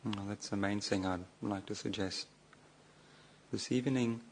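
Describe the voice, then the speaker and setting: A man guiding a meditation in the role of a monk speaks spontaneously, his short, measured lines separated by long, hesitant pauses. The voice is lowish with fairly even intonation, and a little hiss or hum can be heard.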